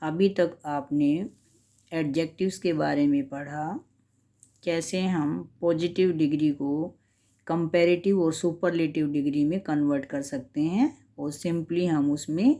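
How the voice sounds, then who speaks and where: A woman language teacher explaining a grammar lesson slowly and carefully, switching between English and Hindi. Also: low-pitched, warm tone.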